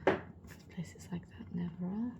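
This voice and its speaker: A middle-aged woman, chatting in a soft rambling whisper as an ASMR creator, her voice slightly worn and gravelly. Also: lowish voice, measured pace, noisy background. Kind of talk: whispered role-play.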